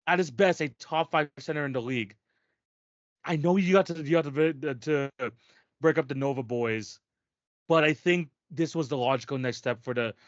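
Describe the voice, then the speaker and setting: A man's voice: fairly high pitch, no room sound, lo-fi sound. A man co-hosting a sports podcast, talking in casual chat with emphatic, restarting sentences. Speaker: podcast co-host.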